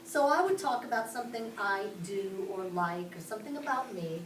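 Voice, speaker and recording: Speaking at normal speed in an expressive, mid-range voice, a woman from Pittsburgh, Pennsylvania leads a class, laying out each step and asking the children questions. A camera across the room records the echoey classroom from far off, with a little hiss or hum.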